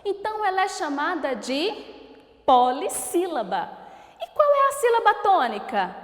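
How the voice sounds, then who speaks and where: Brazilian woman teacher, high and lively, slow syllable-by-syllable delivery, quizzing her pupils. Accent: Brazilian Portuguese. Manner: slow, drawn-out syllable-by-syllable pronunciation, asks questions to pupils. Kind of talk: recorded school lesson for children. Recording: echoey room with long reverb.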